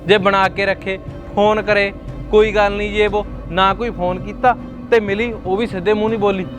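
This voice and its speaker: A man's voice: sits high, level tone, over music, natural voice. A man playing an angry young husband who argues hotly with his mother. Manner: heated, rapid, indignant. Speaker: son arguing with his mother. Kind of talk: web series drama acting.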